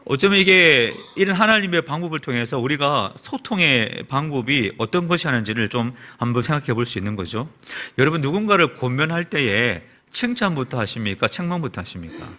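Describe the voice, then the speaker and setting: A man's voice: brisk, hardly any pauses. A man preaching a Sunday sermon as a pastor in a church, asking the congregation rhetorical questions. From South Korea. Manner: preaching with rhetorical questions and lively swings in pitch and volume. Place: church sanctuary.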